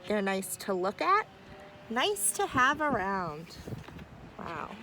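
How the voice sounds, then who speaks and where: Outside by the trees, a woman teacher with a mid-range voice reads a picture book aloud to kids, keeping a slow, warm storytime pace enlivened by chatty asides. The background is noisy.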